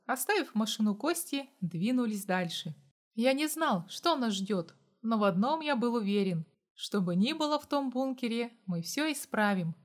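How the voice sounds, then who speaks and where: A woman narrating a first-person audiobook at a steady storytelling pace. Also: fairly high pitch.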